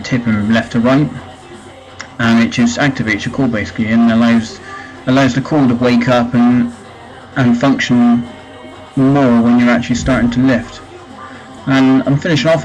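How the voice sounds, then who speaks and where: A man's voice: mid-range voice, poor audio. Man casually explaining his gym workout. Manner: relaxed, hesitant with frequent ums. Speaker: fitness vlogger.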